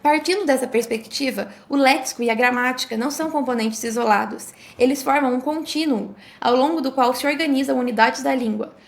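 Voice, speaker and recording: A young woman with a high-pitched voice reads a prepared academic explanation aloud. Her delivery is steady and scripted, with the odd slip she quickly restarts. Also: vocal fry. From Brazil. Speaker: student presenter.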